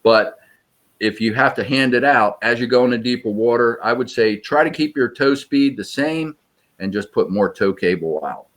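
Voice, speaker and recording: A man answering interview questions, explaining search methods in a practical, measured way. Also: medium pitch, fairly bright tone. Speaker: sonar search trainer.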